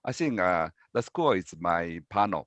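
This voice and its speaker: A man with a Taiwanese accent giving panel remarks as a professor, speaking haltingly and repeating words. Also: low voice, expressive, fairly bright tone, dry recording. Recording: dull, dry video-call audio.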